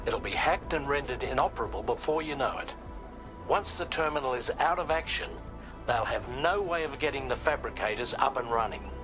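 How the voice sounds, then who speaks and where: For a video game, an actor voices a composed operations officer delivering measured, instructive mission briefings. His male voice sits at a medium pitch and the acting is light.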